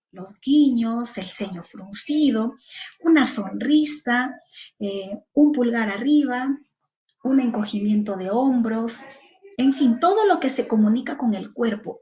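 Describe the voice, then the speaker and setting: A woman with a Peruvian Spanish accent lectures a class of teachers, working through one point at a time. She lists examples one by one and fills her pauses with little hesitations. Her voice sits somewhat high. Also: darkish tone, low-quality recording.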